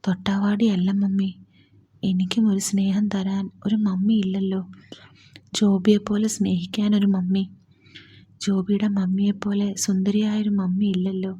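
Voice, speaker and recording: A woman whispering the part of a young man grieving a lost mother, in a soft, pleading whispered role-play. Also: mid-range voice, flat delivery, normal speed, husky, dull audio, close to an everyday voice.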